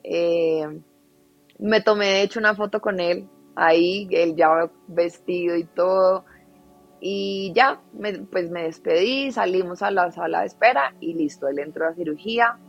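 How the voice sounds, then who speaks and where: A woman guest on a podcast, recounting a painful family story at length and laughing softly through the sad parts. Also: on the low side, unhurried, creaky, lo-fi sound, faint music behind. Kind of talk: personal storytelling in a podcast interview.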